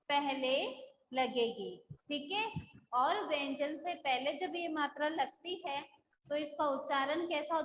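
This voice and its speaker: A woman's voice: high voice, a bit bright, roomy sound, a little hiss or hum, rough recording. A woman school teacher taking a live online class, patiently drilling syllables and checking that the students follow.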